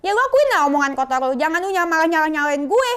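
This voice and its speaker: A woman's voice: high-pitched, sing-song, quick pace, fairly bright tone. A woman with a Jakarta colloquial accent who talks straight to camera, scolding and confrontational, and keeps calling her viewers "guys". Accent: Jakarta colloquial Indonesian. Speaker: vlogger. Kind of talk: casual angry rant to camera.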